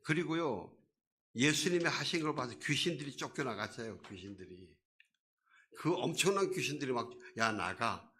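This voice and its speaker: A man's voice: mid-range voice, lively intonation, normal speed, pushed and bright. A man preaching a sermon as a pastor, in a conversational way that asks the congregation questions and acts out quoted voices.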